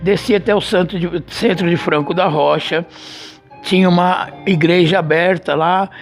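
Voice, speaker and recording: A man giving an emotional religious testimony, telling his story slowly and dramatically with many repeated phrases. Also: high voice, fairly even intonation, soft background music. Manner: slow, repetitive, dramatic storytelling. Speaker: church member giving testimony.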